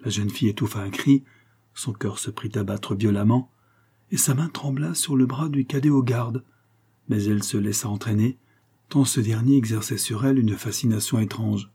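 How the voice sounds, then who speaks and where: A man narrating an audiobook with a measured, steady literary reading. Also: on the low side, slightly rough. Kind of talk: scripted narration.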